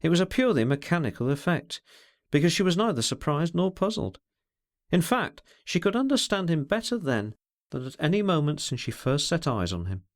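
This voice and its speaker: A man narrating a classic novel in a steady, expressive literary reading style. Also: a little high, fairly quick, no echo, clean studio sound. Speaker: audiobook narrator.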